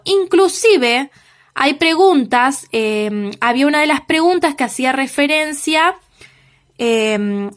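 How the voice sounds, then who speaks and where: A woman teacher giving spoken feedback on written assignments, checking in with her students after nearly every point and slowing down on key examples. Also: high voice, fairly bright tone. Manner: slow, emphatic on key examples.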